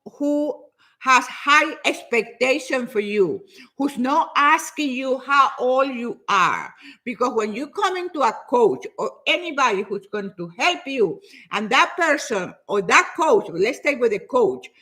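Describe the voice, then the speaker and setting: An older woman in her seventies, Spanish by first language, speaks to her online viewers in a high voice whose pitch swings widely. She takes her time and often doubles back on her words. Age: 70s. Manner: lively, repeats herself, says she talks fast. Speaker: fitness speaker. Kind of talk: casual talk to viewers.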